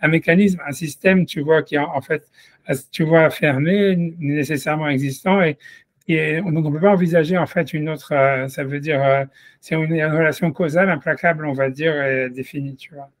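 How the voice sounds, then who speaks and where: A man's voice: fairly high pitch, steady tone, moderate pace, no room sound. A man giving an informal Torah lesson, rambling with many fillers and restarts as he speaks to a listener directly. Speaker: rabbi teaching a class.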